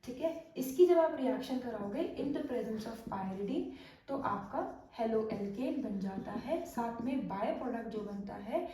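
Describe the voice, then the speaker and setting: A woman's voice: on the high side, mellow. Woman teaching chemistry in an echoey room. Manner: explains step by step, asks questions and answers them herself. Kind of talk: whiteboard lesson. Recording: echoey room, far from the mic, faint noise.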